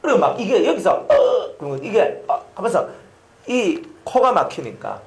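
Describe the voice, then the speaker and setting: A male pastor with a Gyeongsang accent preaches in a lively, sing-song voice that leaps up and down. He tells his stories with sound effects and keeps putting questions to the congregation. His voice echoes through a roomy hall. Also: high voice, moderate pace. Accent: Gyeongsang Korean. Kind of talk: sermon.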